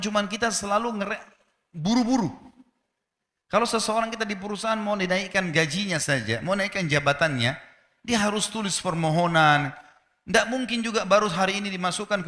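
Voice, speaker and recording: A man's voice: sits high, pushed and bright, in a large hall. A man preaching a sermon, telling stories and putting rhetorical questions to his listeners, whom he calls friends.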